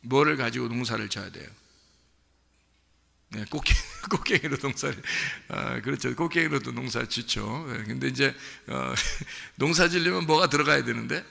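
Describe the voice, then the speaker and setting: A man's voice: medium pitch, moderate pace, vocal fry, hardly any pauses, bright, forceful tone. A male pastor preaching a conversational sermon, asking the congregation questions. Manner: conversational, asks the listeners questions and acts out quoted lines. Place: church sanctuary. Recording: long reverb of a large hall.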